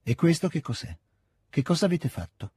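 A man reading aloud voices a scornful young noblewoman scolding her husband, raising a husky voice into cutting, loud reproach. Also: on the high side, sing-song, normal speed, no echo, clean studio sound, voice pushed up, heavily acted. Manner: cutting, contemptuous, rising to shouting.

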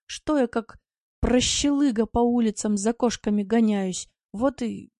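A woman voicing a gloomy, thin tomcat who mutters slowly and bitterly. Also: a little high, mellow, dry recording, studio quality, natural voice. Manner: slow, glum muttering.

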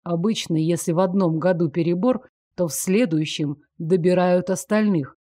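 A woman voicing a self-assured nobleman who speaks low and unhurried, with dry close sound. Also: mellow, no echo, lightly acted. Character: calm self-assured nobleman, gently commanding. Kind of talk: audiobook character voice.

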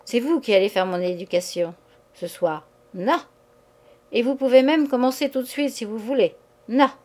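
A woman's voice: fairly high pitch, moderate pace, darkish tone, natural voice. A woman voicing a playful young man who teases his new wife in a mock schoolboy manner. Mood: teasing. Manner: mock schoolboy stammer, childish "na?".

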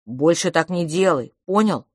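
A woman's voice: lowish voice, lively intonation, a little slow, darkish tone, husky, no echo, clean studio sound. A woman voicing Franciscus, a frightened and loyal boy who pleads urgently and tearfully. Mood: pleading.

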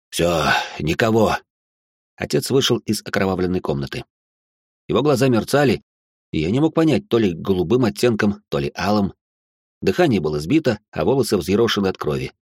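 A man's voice: lowish voice, a little mellow, husky, no room sound, clean studio sound. A man narrating an audiobook in a wry, sardonic first-person voice. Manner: wry, sardonic inner monologue.

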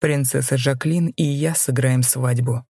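A woman reading as a young male rebel lord who speaks low, cold and contemptuous. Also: steady tone, a little slow, dark tone, breathy edge, no echo, studio quality, full character voice. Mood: restrained fury.

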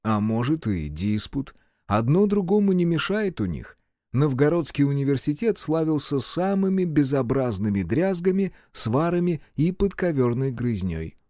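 A man narrating an adventure novel in an expressive storytelling manner. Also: a little high, normal speed, no echo, studio quality. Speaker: audiobook narrator.

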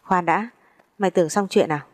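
A woman's voice: lowish voice, normal speed, natural voice. A woman reading the part of a brutal male debt collector, who speaks in a coarse, contemptuous, menacing way in a storybook reading.

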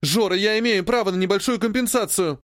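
A man's voice: high-pitched, a little fast, no echo, studio quality, pitched above the performer's own voice, lightly acted. A male audiobook reader voicing a capricious, spoiled young noblewoman who whines and sobs at her brother. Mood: stubborn. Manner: whiny, petulant, sobbing.

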